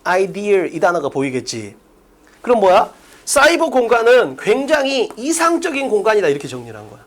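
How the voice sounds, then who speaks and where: Lively male lecturer drilling students. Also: sits high, brisk. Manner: drilling, rhetorical questions, blunt casual speech. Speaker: English teacher. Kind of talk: classroom lecture.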